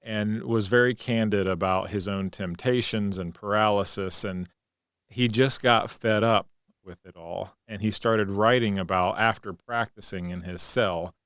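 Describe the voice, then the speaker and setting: A man co-hosting a podcast, telling stories in a relaxed conversational way and acting out the quotes. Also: on the low side, a little slow, clear, resonant tone, no room sound, studio quality. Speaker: podcast co-host. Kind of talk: reflective conversational storytelling.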